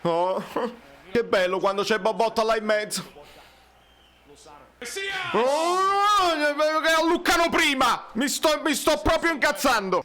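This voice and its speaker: Neapolitan guy yelling through a live match reaction, really high bright voice, keeps going no no no. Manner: excitable, shouting, repeats himself. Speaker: fan channel host. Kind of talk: live fan match commentary.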